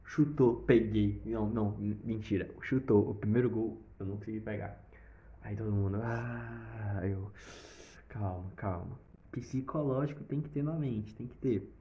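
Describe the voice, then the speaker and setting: A young man with a Brazilian accent telling a personal story in a casual, animated way, with sound effects and swearing. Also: lowish voice, normal speed. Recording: slightly dull lo-fi recording.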